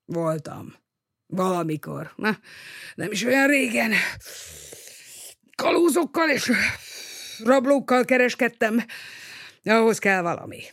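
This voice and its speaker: A reader voicing a heavy, weary and bitter middle-aged male smuggler who speaks in a hoarse, tearful voice and keeps sighing. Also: medium pitch, lively intonation, pauses often, fairly bright tone, no echo, studio quality, voice pushed up. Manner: sighing, grumbling.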